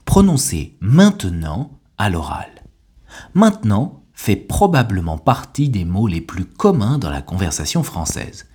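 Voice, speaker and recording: A French teacher and podcast host with a deep, slightly husky voice delivers a scripted language lesson. His pitch rises and falls lively, and he pronounces each word clearly and deliberately, guiding learners like a teacher.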